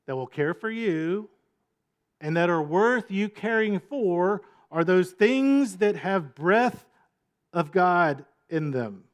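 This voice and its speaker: Animated high-voiced preacher. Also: male voice, slow. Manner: animated storytelling with sound effects and voices. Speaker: pastor. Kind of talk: sermon.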